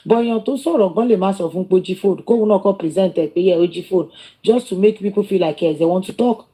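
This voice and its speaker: A woman with a Yoruba Nigerian accent talks on a live stream in a warm, mellow voice. She stays calm and soothing and keeps pleading gently. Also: medium pitch, fast talker.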